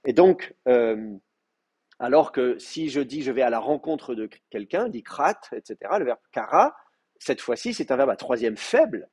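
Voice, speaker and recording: A man's voice: medium pitch, lively intonation, moderate pace, darkish tone, breathy edge. A man lecturing a Hebrew class, explaining patiently with many fillers and restarts. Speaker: Hebrew teacher. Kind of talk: university lecture.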